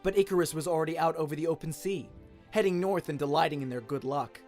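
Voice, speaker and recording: Talking fast in a slightly high, somewhat mellow voice, a man dramatically narrates a scripted story like an audio drama. Music and sound effects fill the background.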